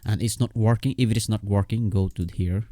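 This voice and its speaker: A low-voiced man with a dark, easygoing tone guides viewers through an informal, unscripted screen tutorial on software. He talks haltingly, repeats himself, and keeps dropping in check-in words to make sure people are following. The recording is dry and close, with no echo.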